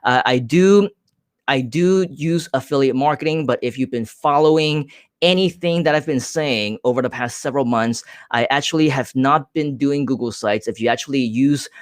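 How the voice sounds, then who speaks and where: A man's voice: medium pitch, moderate pace, dry recording, studio quality. A man from Hong Kong hosting a live stream, answering viewer comments in an upbeat, direct way with frequent filler sounds.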